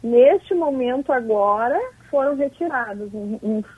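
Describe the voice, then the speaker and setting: Woman, mayor, crackly cordless phone sound, husky voice, tinny line. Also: on the high side, animated. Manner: halting, repeats words. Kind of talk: phone interview.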